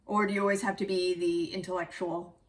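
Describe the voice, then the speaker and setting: A woman's voice: lowish voice, level tone, a little fast. A woman giving a casual, reflective tarot reading, musing aloud and correcting herself as she goes. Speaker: tarot reader.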